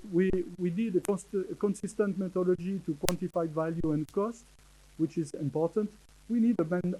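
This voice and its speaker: A man with a French accent, a native French speaker, giving a conference presentation in English, halting, with many fillers and restarts. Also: on the high side, dark tone, a little hiss or hum, poor audio. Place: conference hall.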